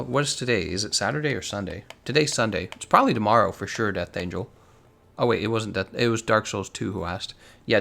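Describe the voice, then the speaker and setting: Male game streamer, gravelly voice, animated pitch, relaxed chat-reading delivery. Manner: relaxed, chatty, reacts to viewer comments. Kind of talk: casual live-stream chat, reading chat aloud.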